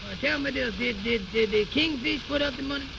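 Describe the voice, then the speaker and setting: A man's voice: extremely high pitch, a little fast, gravelly. An actor playing a humble, naive and easily flustered man who stammers and repeats himself in folksy speech, in old radio comedy style. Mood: worried. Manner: stammering repetitions, deferential, folksy ungrammatical speech. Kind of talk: 1930s-40s radio comedy acting. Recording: muffled, noisy old radio recording.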